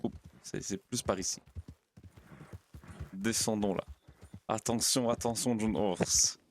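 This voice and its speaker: A man's voice: lowish voice, steady tone, slow, slight background noise. A man playing a naive, polite young frontier pastor in an in-character roleplay. He talks to his horse in a formal, fussy way and often stammers and repeats words. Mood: chatty. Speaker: roleplay player.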